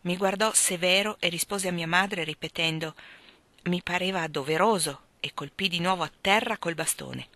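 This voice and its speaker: A woman reading a novel aloud, narrating in a clear, expressive storytelling manner. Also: lowish voice, normal speed, hardly any pauses, no room sound. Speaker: audiobook reader.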